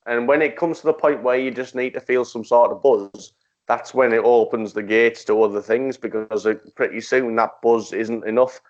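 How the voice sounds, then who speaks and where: A man hosting a casual chat over a call, recalling stories with halting restarts. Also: mid-range voice, fairly even intonation, a little mellow, no room sound. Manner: hesitant, repeats words while recalling. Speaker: podcast host. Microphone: video call. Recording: dull dry call audio.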